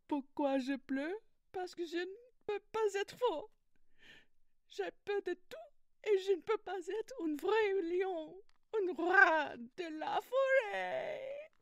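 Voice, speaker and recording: A woman playing a timid, weepy cowardly lion in a soft ASMR roleplay, fearful, plaintive and hesitant. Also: extremely high pitch, animated, takes it slowly, no room sound, studio quality, exaggerated voice. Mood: tearful.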